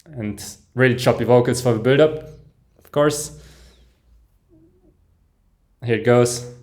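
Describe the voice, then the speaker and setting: Man giving excited live music commentary. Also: mid-range voice, takes it slowly. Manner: enthusiastic, frequent soft "ooh"s and chuckles; breaks off and restarts sentences while listening. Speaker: music reaction host.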